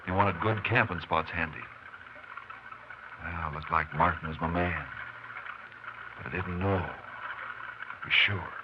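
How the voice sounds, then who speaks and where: Lead actor and narrator of a 1950s radio western, he plays a steady, determined Texas Ranger tracking a killer, speaking in a grim, terse, matter-of-fact way. His deep voice keeps a steady tone at a measured pace, with frequent pauses. The radio recording is noisy and muffled.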